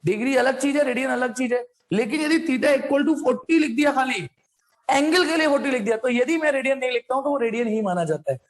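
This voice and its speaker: High-voiced man teaching a physics class. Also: fairly quick. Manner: addresses students directly, stops to ask them questions; repeats points over and over. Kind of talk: online class lecture.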